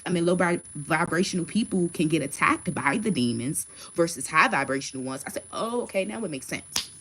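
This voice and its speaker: A woman in her thirties doing a casual tarot reading livestream, talking bluntly and emphatically with frequent swearing. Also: fairly low pitch. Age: 30s. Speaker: tarot card reader.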